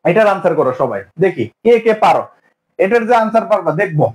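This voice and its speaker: High-voiced teacher drilling grammar rules. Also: male voice, sing-song, fast, a little mellow, low-quality recording. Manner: drills with repeated questions and answers. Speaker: English teacher. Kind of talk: exam-prep grammar lesson.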